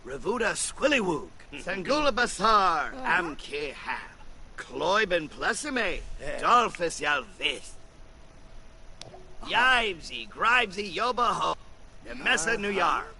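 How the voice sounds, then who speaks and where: A man's voice: sits high, sing-song, sharp tone. A man on a live game stream, reading out strings of made-up silly names in a playful, giggly way. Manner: playful, giggly, drawn-out nonsense words.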